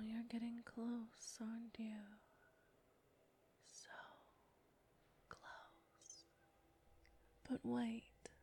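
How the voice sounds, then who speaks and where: A woman voicing a seductive, predatory female succubus in an audio roleplay, speaking in a breathy whisper with a slow, taunting manner. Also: medium pitch, dark tone, exaggerated voice. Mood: hushed seductive. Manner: slow, taunting, close to the ear.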